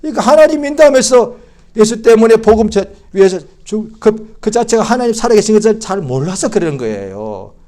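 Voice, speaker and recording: A male pastor giving a Christmas sermon in church, swinging from loud outbursts to hushed, quiet speech. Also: high voice, very animated, a little fast. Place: church service.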